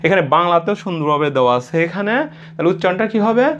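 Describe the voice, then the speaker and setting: A man's voice: high-pitched, expressive, rapid-fire, fairly bright tone, dull audio, a little hiss or hum. A man with a Bangladeshi Bengali accent giving a spoken English pronunciation lesson, patiently repeating each letter sound three or four times.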